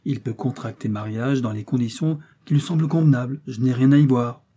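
A blunt old prince, as a man reads him in an audiobook, firm and a bit irritated, raising his voice to a servant. The tone stays mellow and husky under the force. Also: mid-range voice, brisk, lightly acted. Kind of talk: audiobook reading.

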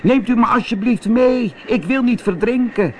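A man voicing a small, brave young male ship's cat in a high, pleading, anxious voice. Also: moderate pace, a little hiss or hum.

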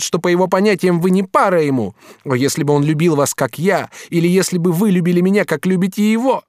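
A man voicing a devoted, proud and quick-tempered young woman servant in an audiobook, with emphatic, pleading exclamations. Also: a little high, no echo, studio quality, pitched above the performer's own voice, natural voice. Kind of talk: audiobook character reading.

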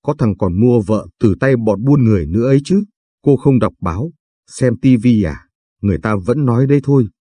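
A man's voice: medium pitch, expressive, brisk, mellow, breathy edge, no room sound. A man voicing a landlady who learns her lost sister is alive, in a storybook reading. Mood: anxious. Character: anxious grieving younger sister, a landlady.

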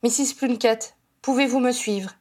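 A woman reader voicing a calm, firm male head of a wizard police force. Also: fairly high pitch, moderate pace, close to an everyday voice.

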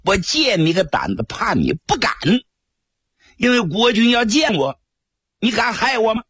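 A crafty minor official in an old-time storytelling, daring one moment and bowing low the next, his voice lifted high and drawn out, played by a male narrator. The tone is rough and husky, recorded dry and close. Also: big pitch swings, unhurried, fairly bright tone, no echo, exaggerated voice. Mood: defiant. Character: defiant then humble male official, scheming.

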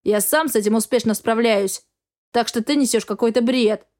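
A woman voicing a gruff, quick-tempered dragon husband who barks his lines in an audiobook. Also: a little high, darkish tone, lightly acted. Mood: angry. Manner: barking, gruff. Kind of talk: audiobook character reading.

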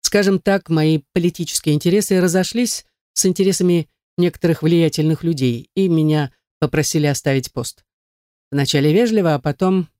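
A man reading an audiobook, voicing a weary, remorseful father who speaks low. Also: brisk, a little mellow, no echo, studio quality, natural voice.

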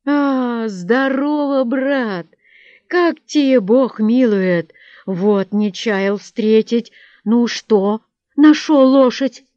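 A woman voicing a hearty loud peasant man. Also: on the high side, slow pace, no echo, muffled recording, voice pushed up. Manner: hearty, exclaiming.

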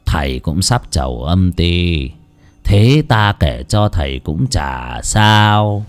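A man's voice: sits low, expressive, takes it slowly, exaggerated voice. A man voicing a cruel, greedy old village chief who sneers in mock-sweet tones and gloats over his killings. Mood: gloating.

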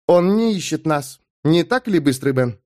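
A man's voice: on the high side, lively intonation, normal speed, a little mellow, no room sound, clean studio sound, pitched above the performer's own voice, close to an everyday voice. Man voicing a curt commanding woman officer. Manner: curt, clipped orders.

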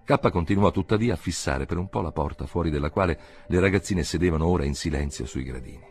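A man reading a literary audiobook aloud in a measured, expressive way. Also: extremely low pitch. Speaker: audiobook reader.

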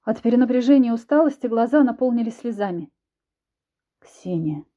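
A woman narrating an audiobook in an even, measured manner. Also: on the high side, highs cut off.

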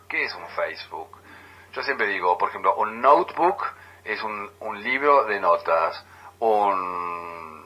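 A man with an Argentine accent co-hosting a casual radio chat, musing aloud with frequent pauses. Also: lowish voice, lo-fi sound. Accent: Argentine Spanish. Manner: chatty, muses aloud with many pauses. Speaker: radio co-host. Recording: radio broadcast.

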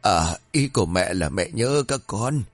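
A man voicing a greedy fake village medium woman who bosses people briskly and fakes a dead mother's voice. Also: fairly low pitch, lively intonation, dry recording, faint music behind. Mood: feigned tender. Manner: brisk and bossy, then feigning a dead mother's voice.

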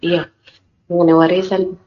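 A woman's voice: fairly low pitch, flat delivery, normal speed. A woman calling in with a question, her voice breaking up and cutting out over a glitchy line as she talks hesitantly with many fillers. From Indonesia. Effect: glitchy broken-up call signal, voice cutting out. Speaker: caller asking a question. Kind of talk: phone-in question to a teacher. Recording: dull lo-fi call line.

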